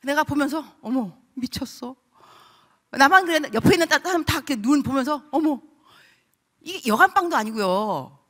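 A middle-aged woman pastor preaching a sermon, telling a story with lively acted-out voices and sudden outbursts. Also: high-pitched, brisk. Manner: animated storytelling, acting out voices.

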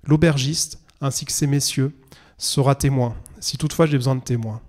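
A weary but composed land surveyor who answers calmly and quietly, as a man reads him aloud in a storybook reading. The voice is mellow and warm, measured and unhurried. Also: close to an everyday voice. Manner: calm, low-voiced, measured.

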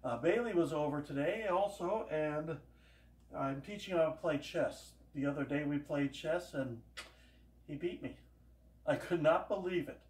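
Here a home cooking vlogger, an older man, cooks at home and chats casually, drifting through homespun stories. His pitch is a little high and his pace moderate. The camera sits across the kitchen, giving an echoey, far-off sound to this casual cooking demonstration.

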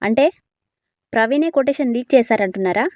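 A woman reading a commanding, short-tempered young businessman who snaps orders at staff in a storybook tale. The voice sits a little high, close and dry. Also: fairly quick, darkish tone, no room sound, lightly acted. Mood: angry. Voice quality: curt, commanding.

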